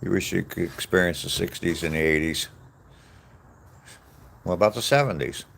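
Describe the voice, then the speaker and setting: With a deep, fairly bright voice, some vocal fry, and a moderate pace, a US man in his sixties chats with live viewers during an outdoor walk. His easygoing rambling drifts into memories, and he chuckles frequently.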